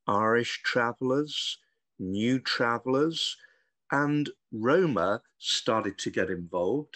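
A male academic answering a question on a video call webinar, speaking briskly and fluently. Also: fairly low pitch, fairly bright tone, no room sound. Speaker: academic panelist.

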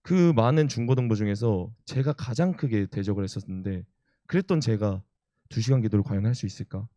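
A man's voice: lowish voice, fairly quick, warm tone, no echo. A young man, an evangelist, preaching a sermon and telling personal stories earnestly. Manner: earnest storytelling, acts out quotes.

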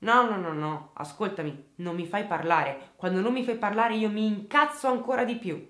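A woman voicing an aggressive young man who yells insults and threats down the phone. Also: mid-range voice, big pitch swings, moderate pace, echoey room, natural voice. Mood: enraged.

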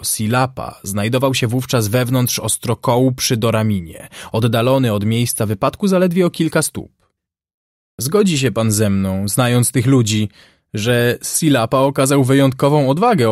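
A man narrating an audiobook in a measured, dramatic way, close to the mic. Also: lowish voice, no echo. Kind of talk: scripted narration.

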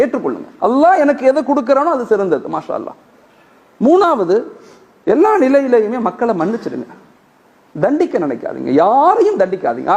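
A man preaches a sermon in a high, lively voice. His pitch leaps up and down as he tells a story, acting out each character's lines and repeating key phrases to drive them home. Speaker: Islamic preacher.

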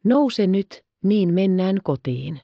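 A woman voicing an excitable, tender-hearted little orphan girl in an audiobook, exclaiming and pleading. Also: medium pitch, vocal fry, dry recording, muffled recording. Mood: eager. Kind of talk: audiobook character reading.

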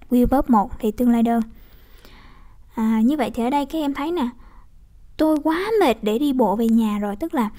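A woman's voice: sits high, dark tone. A young woman teacher with a Vietnamese accent working through English exam questions, explaining step by step with frequent tag questions. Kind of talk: exam walkthrough lesson.

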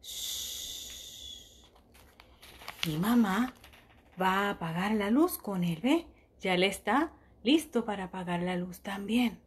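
Slow, animated woman reading to kids. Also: mid-range voice, slight background noise. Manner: animated, exclamations and questions to young listeners; slow and soft at bedtime. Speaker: preschool teacher reading to children. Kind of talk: storybook read-aloud for children.

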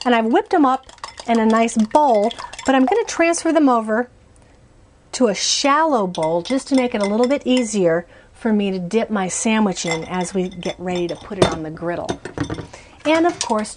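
A woman's voice: a little high, darkish tone, a little hiss or hum. A woman in her forties hosting a cooking show from a small RV kitchen, chatty and upbeat as she walks through each step. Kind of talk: cooking demonstration.

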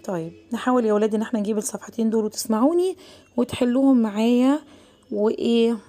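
A young woman with an Egyptian accent teaching a phonics lesson to children, saying English words slowly and explaining in quicker Arabic. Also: fairly high pitch, warm tone. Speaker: primary school English teacher.

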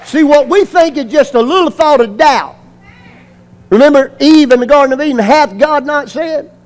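A pastor, preaching a sermon, repeating phrases and calling on the congregation to answer. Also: male voice, extremely high pitch, normal speed, some chatter behind. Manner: call-and-response preaching with repetition and emphasis.

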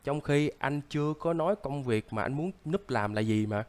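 Man playing a sick older brother, stern, lecturing, coughing, mid-pitched voice. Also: expressive, normal speed, natural voice. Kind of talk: casual game role-play.

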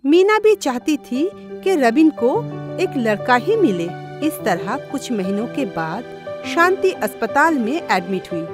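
A woman narrating a cartoon story in a slow, measured way. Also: high-pitched, sing-song. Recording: music bed under narration.

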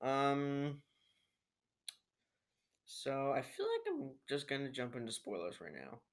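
A teenage boy, an amateur video reviewer, gives a casual, unscripted movie review in a rambling, hesitant way, taking it slowly in a medium-pitched voice with huge pitch swings. He's indoors in his living room at home, recorded on a built-in computer microphone.

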